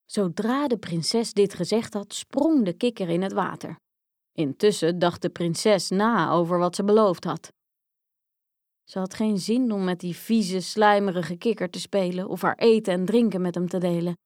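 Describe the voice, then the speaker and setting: A woman reading a children's fairy tale aloud in a lively, expressive way. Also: lowish voice, moderate pace, no room sound, studio quality. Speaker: storyteller. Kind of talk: storybook read-aloud.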